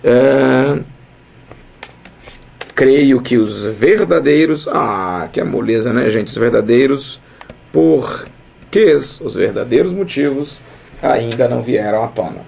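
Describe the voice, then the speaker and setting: A man teaching a grammar lesson at a whiteboard, lively and chatty, often checking in with his students. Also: medium pitch, slow pace, gravelly, pauses often, slightly rough.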